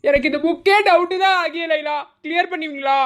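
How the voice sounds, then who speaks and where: A woman's voice: very high-pitched, a little fast. A woman voicing a devoted, protective young college man in a cartoon, earnest and coaxing. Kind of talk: Tamil cartoon voice acting.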